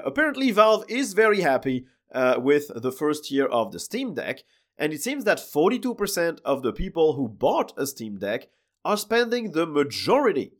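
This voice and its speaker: A man with a French accent hosting a solo tech news podcast, his voice hoarse and cracked from being sick, chatty and loose with many fillers. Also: fairly high pitch. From France. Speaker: podcast host.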